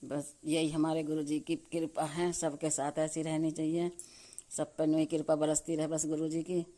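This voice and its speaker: A woman's voice: low-pitched, flat delivery, warm tone. A middle-aged woman from Delhi giving a devout, repetitive testimony to her congregation, often breaking off words and starting over. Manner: devout, repetitive, many restarts; halting, cuts off words midway. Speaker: devotee sharing testimony.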